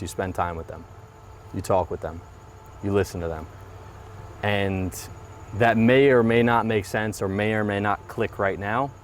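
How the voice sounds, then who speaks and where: Standing outside next to a parked car, a mortgage business owner in his thirties answers questions in a relaxed interview. He has a lowish voice and comes across as earnest and thoughtful, repeating phrases often, while slight hiss or hum runs underneath.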